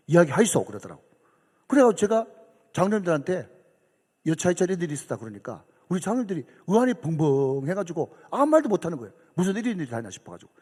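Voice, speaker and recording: A man's voice: on the high side, darkish tone, slightly rough. A middle-aged man, a pastor telling a story in a sermon and acting out the voices of the people in it. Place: church sanctuary. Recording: church hall reverb.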